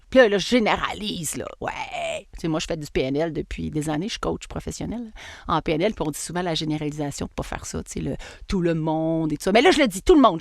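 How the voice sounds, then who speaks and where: A woman with a Québécois accent, hosting a casual solo podcast in a chatty, animated way and laughing at herself. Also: fairly low pitch, dry recording, studio quality. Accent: Québécois French. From Quebec. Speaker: podcast host and marketing coach.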